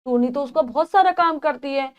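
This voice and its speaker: A woman's voice: high-pitched, a little fast, lo-fi sound. A woman teacher patiently reading and explaining a textbook lesson, retelling the story in her own words.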